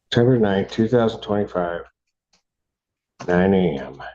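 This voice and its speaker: Male judge, low voice, firm and interrupting, dull courtroom recording audio. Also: lively intonation, unhurried, warm tone. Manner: firm, interrupts with repeated "hold on". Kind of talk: presiding over court hearings.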